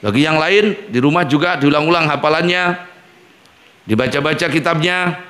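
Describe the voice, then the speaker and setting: Firm, admonishing man, higher voice. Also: normal speed, fairly bright tone. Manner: firm, repetitive admonishing with frequent "ya". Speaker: head of an Islamic boarding school. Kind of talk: advice talk to students.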